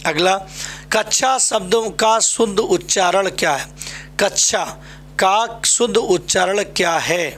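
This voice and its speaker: Man, Uttar Pradesh accent, classroom teacher, repeats questions and answers, high voice, slow delivery. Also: fairly bright tone, a little hiss or hum. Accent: Uttar Pradesh Hindi. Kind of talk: exam-prep classroom lesson.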